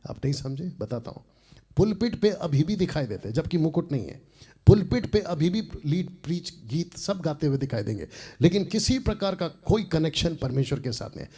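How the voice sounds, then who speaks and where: Male preacher hosting a nightly program, combative and direct, mellow husky voice, pitched a bit high. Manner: combative, addresses critics directly; reads and explains scripture. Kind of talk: sermon.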